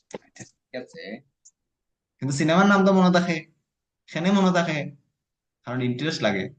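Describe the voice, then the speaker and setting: A man's voice: a little high, animated, brisk, highs cut off. Guy tutoring online, patient and coaxing, breaks words into bits. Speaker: teacher.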